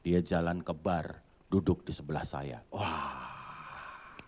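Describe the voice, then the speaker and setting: A man's voice: very deep voice, slow, a little mellow, breathy edge. A man, a pastor, preaching a sermon in a church, telling a personal story and acting out the dialogue, dropping in English phrases.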